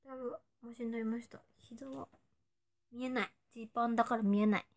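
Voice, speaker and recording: Streaming to her fans, an idol in her twenties talks with a fairly high, steady voice at a quick pace. She keeps the chat casual, reads fan comments in a playful way, and occasionally lowers her voice to a whisper.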